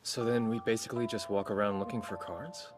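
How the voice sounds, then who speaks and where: A man's voice: on the low side, steady tone, brisk, music in the background, natural voice. A man playing a cocky, blunt teenage boy in an anime dub, speaking casually with a taunting edge. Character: cocky, blunt teenage boy, top-ranked game player.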